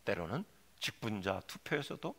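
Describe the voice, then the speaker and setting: A male pastor preaching a sermon, dropping to low quiet asides and rising to shouted, pleading cries. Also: sing-song, moderate pace. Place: church sanctuary.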